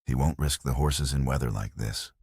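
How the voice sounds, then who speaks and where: A man's voice: a bass voice, normal speed, a little mellow, slightly rough, no room sound, studio quality, pitched below the performer's own voice, full character voice. A man voicing a matter-of-fact ranch foreman who speaks plainly and reassuringly.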